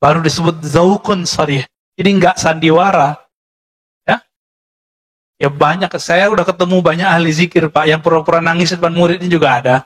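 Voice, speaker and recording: A man with a high-pitched voice delivering a sermon with an Indonesian accent. He lectures in a conversational way and keeps turning to his listeners with short tag questions. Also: steady tone, a little fast. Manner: conversational lecturing, addresses listeners as Pak, frequent "ya" tags. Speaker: Islamic preacher.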